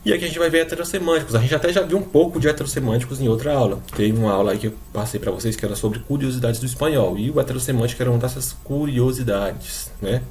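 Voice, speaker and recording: This man from Brazil teaches Spanish in a recorded online lecture, speaking rapid-fire with hardly any pauses in a medium-pitched, darkish voice. Even so, he explains patiently and goes over examples repeatedly for the class.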